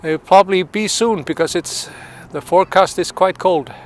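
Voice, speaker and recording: An Icelandic tour guide with a high voice leads a live-streamed walking tour beside a city pond in the winter wind. Sniffly from the cold, he chats at a normal speed, greets viewers by name, and searches for words.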